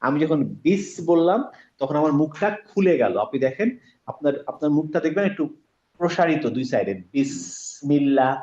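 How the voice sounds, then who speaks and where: A man teaching a pronunciation class over a video call, patiently repeating sounds slowly to demonstrate. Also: fairly high pitch, expressive, darkish tone, lo-fi sound. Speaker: Quran recitation teacher.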